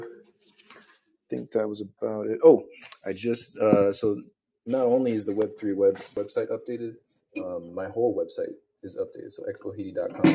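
A podcast host whose first language isn't Spanish chats on his own while preparing breakfast, meandering, leaning on filler words, and correcting himself as he restarts. His voice sits on the low side with a dark tone, and there's slight hiss or hum on the recording.

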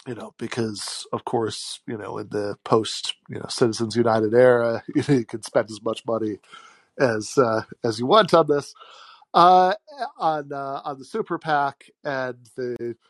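A man hosting an informal solo commentary show, speaking haltingly and off the cuff into a handheld phone. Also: mid-range voice, no room sound. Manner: halting, chuckles mid-sentence. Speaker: podcast host taking callers. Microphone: phone held like a call, no headset.

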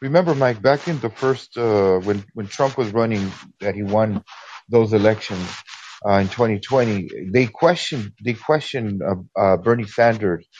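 A man's voice: on the low side, darkish tone. Rambling male caller over the phone. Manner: rambling, halting, with many restarts. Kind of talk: call-in chat. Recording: dull phone line with faint noise.

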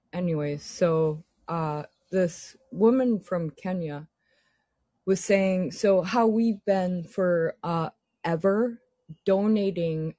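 A woman's voice: low voice, mellow, dry recording. A woman chatting casually in an exasperated, sweary ramble, her S sounds lisped and slurred, lips over toothless gums. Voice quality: lisping, slurred S sounds from missing teeth. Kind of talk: casual chat.

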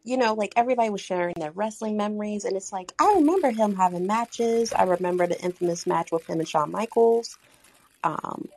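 A woman wrestling journalist on a podcast panel, speaking in a measured, thoughtful way. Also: mid-range voice, darkish tone. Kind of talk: casual podcast chat.

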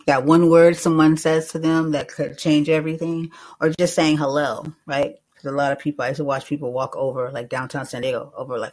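A man's voice: medium pitch, low-quality recording. A young man hosting a live call-in podcast, talking loosely and rambling, with a lot of filler words and some swearing. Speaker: host.

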